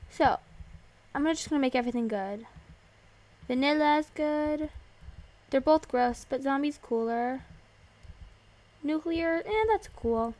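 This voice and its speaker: A young woman with a high-pitched voice hosts a gaming video, offering casual, excitable commentary as she plays. She gasps and squeals whenever something surprises her.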